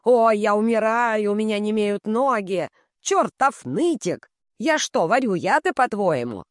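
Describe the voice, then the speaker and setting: A sharp-tongued village woman, as a man puts her on snaps back in a raised, high voice full of scorn. She mocks whining with a sneering edge. Dry close sound. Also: animated, a little slow, no room sound. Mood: scornful. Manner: snapping, mocking.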